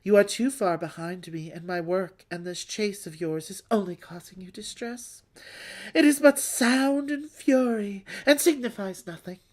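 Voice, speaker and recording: A woman's voice: medium pitch, unhurried, a little mellow, lightly acted. A woman reading a villain's letter aloud as a sneering, taunting man, in a haughty and theatrical manner.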